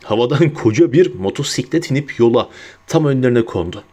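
A man narrating an audiobook in an expressive storytelling manner, slowing down for emphasis. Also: medium pitch.

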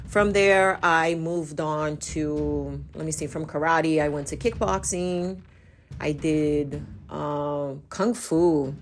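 Low-voiced Brazilian woman podcasting. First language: Portuguese. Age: 40s. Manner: chatty, animated, self-correcting. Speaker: podcast host. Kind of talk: casual solo podcast.

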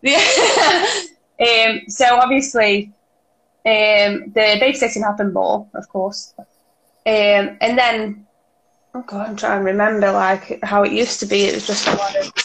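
A woman's voice: medium pitch, measured pace, a bit bright, a little hiss or hum, poor audio. Informal young woman with a Stoke accent. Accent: Stoke-on-Trent English. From Stoke-on-Trent, England. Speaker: interview guest, author. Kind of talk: personal conversation, recounting experiences.

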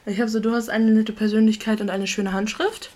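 A young woman in her twenties co-hosts a chatty podcast, teasing her friend and laughing easily. Her voice sits in an ordinary middle pitch for a woman, and she talks in a playful, casual way. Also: flat delivery, fairly quick, darkish tone. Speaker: podcast co-host. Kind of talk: casual chat.

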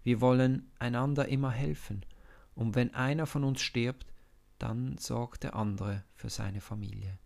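A man voicing a loyal young prince who speaks gently and earnestly in a storybook reading. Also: mid-range voice, fairly even intonation, measured pace, vocal fry. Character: warm-hearted young prince, male, loyal friend.

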